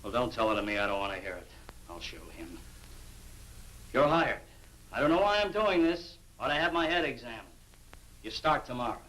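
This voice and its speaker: A man's voice: mid-range voice, lively intonation, a little fast, long pauses, a bit bright, natural voice. An actor playing a brusque, sarcastic businessman boss in 1940s film style. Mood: grudging, exasperated. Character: brusque, grudging, sarcastic businessman boss interviewing a job seeker. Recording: noisy vintage 1940s film soundtrack.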